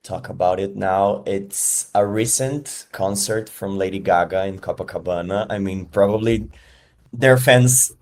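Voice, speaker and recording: A man's voice: deep voice, measured pace, a little mellow. A man from Brazil, a podcast guest giving thoughtful answers while searching for words. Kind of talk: casual interview answers.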